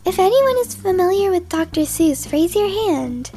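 Over background music, a female performer voices a cheerful, kind schoolteacher in a children's animated roleplay. She sounds upbeat and instructive, with a very high-pitched voice at a moderate pace.

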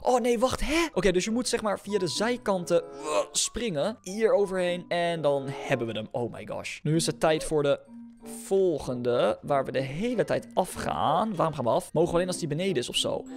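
A young man with a Dutch accent giving casual commentary on his own gameplay, chatty and reacting out loud with yelps and repeated words. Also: fairly high pitch, expressive, normal speed. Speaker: gaming YouTuber. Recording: music clearly under the voice.

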